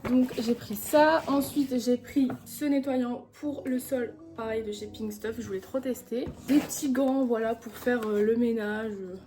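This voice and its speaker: A woman's voice: on the high side, a little slow, hardly any pauses, dark tone. Chatty young woman, bubbly haul vlog. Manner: chatty and enthusiastic, gushing over purchases. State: a little out of breath. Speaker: vlogger. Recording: background music.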